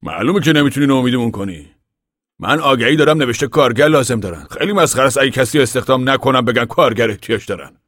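A man voicing a determined older farmer father who speaks loudly and insistently in an audiobook reading. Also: mid-range voice, expressive, dry recording, clean studio sound, voice pushed up. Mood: earnest. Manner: loud, insistent, raised voice.

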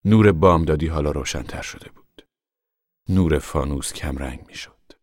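Very deep-voiced male narrator. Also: a little mellow, no echo, clean studio sound. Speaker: audiobook reader. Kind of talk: scripted narration.

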